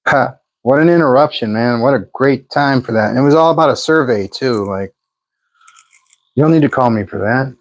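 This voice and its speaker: Man, mid-pitched voice, dry close sound, live-stream host, phone mic, reads out numbers. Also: normal speed, no room sound, rough recording. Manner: reads out meter numbers, chatty asides. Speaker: host of a pulse motor channel. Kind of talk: live-stream tinkering commentary.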